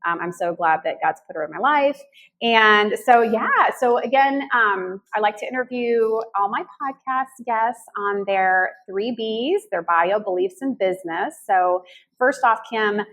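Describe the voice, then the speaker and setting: Host: woman, mid-pitched, upbeat and encouraging interviewer. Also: lively intonation, measured pace, a bit bright. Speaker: podcast host. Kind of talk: casual interview talk.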